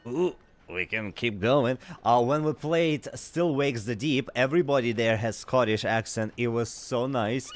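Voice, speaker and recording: A man's voice: mid-range voice, unhurried, hardly any pauses. A man giving casual, chatty commentary while playing a game for his chat. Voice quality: chatty, giggly reactions. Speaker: gaming streamer. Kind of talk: casual let's-play commentary.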